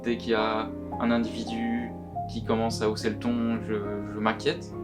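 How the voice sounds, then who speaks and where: Man, anonymous witness, deep pitch-shifted disguise, earnest, halting, guitar music underneath. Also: monotone. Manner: earnest, halting, often repeats words. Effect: voice disguised, pitch shifted deeper. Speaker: anonymous witness giving testimony. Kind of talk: recorded testimony, answering questions. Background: plucked guitar music.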